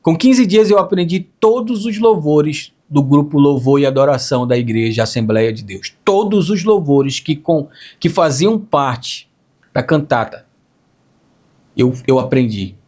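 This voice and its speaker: A man with a lasting hoarse, raspy voice, earnestly telling an emotional faith testimony and repeating phrases as he recalls it. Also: on the high side, expressive, measured pace, a little mellow. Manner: earnest, storytelling with repetitions. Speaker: testimony speaker.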